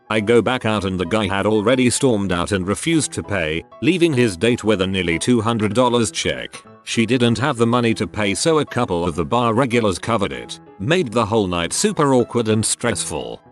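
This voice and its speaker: Narrator, male, low voice, flat reading of online stories over soft music. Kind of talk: scripted narration. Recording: faint music underneath.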